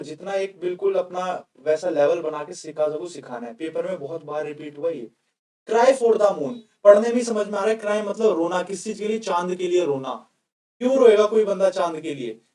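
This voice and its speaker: A man's voice: high voice, mellow, reverberant, far from the mic. A male coaching teacher giving a casual classroom vocabulary lecture. He keeps asking his students questions as he explains.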